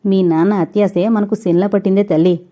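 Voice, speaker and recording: A woman's voice: medium pitch, fairly even intonation, a little fast, warm tone, lightly acted. A woman doing a bitter, tearful mother. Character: distressed middle-aged mother, bitter.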